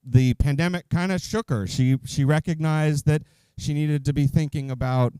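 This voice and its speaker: A man's voice: a little high, steady tone, normal speed, mellow, clean tone. A middle-aged man, a deacon, casually hosting a live-streamed panel discussion, talking conversationally with frequent ums and restarts.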